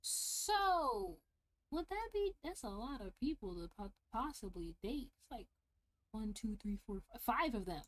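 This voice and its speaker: Animated woman musing through a video game. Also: fairly high pitch, unhurried, a little hiss or hum, poor audio. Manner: muses aloud to herself. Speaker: game streamer. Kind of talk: casual gameplay commentary. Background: game music.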